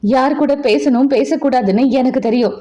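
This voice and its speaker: A woman's voice: high-pitched, moderate pace, lightly acted. A woman voicing a pregnant young wife in an audio novel, who snaps back sharply and stubbornly. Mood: angry. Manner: sharp and snapping. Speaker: nurse. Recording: dull lo-fi recording.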